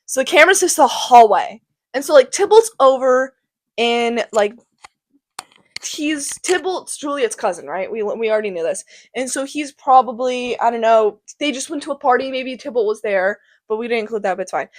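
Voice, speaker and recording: A woman's voice: on the high side, lively intonation, normal speed. A teenage girl narrating a school drama project, chatty and giggly with lots of fillers. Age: teens. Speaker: student narrator.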